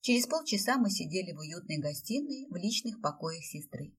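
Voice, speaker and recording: A woman's voice: lowish voice, very animated, a little fast, slightly rough. A woman reading a first-person fantasy audiobook expressively, heard from a slightly distant mic. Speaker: audiobook narrator.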